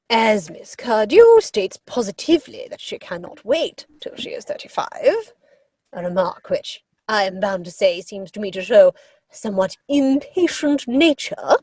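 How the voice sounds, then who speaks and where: A woman's voice: mid-range voice, darkish tone, husky, dry recording. A woman playing an imperious, haughty older aristocratic lady in a comic play reading, speaking with pompous, commanding emphasis. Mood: haughty, impatient.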